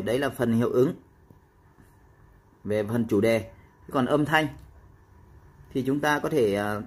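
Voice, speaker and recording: Man, husky voice, casual app tutorial, step-by-step explaining with fillers, middle pitch.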